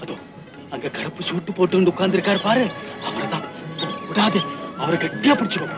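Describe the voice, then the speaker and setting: A man's voice: sits high, lively intonation, fairly quick, music in the background. An actor playing a scheming old grandfather coaxing and instructing a small boy in an old film. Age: older. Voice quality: coaxing, insistent. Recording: dull, distant old film soundtrack.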